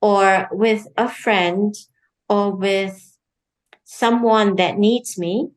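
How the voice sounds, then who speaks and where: A woman's voice: medium pitch, steady tone, drawn-out words, poor audio. A cheerful, giggly middle-aged woman from Singapore, chatting as a guest in an interview. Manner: cheerful, giggly, laughs easily. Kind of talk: casual interview chat.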